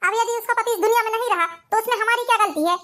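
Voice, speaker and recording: A woman playing a scheming, sharp-tongued young pregnant wife in a cartoon family drama, talking persuasively. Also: very high voice, very fast. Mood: insistent. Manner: persuasive, insistent.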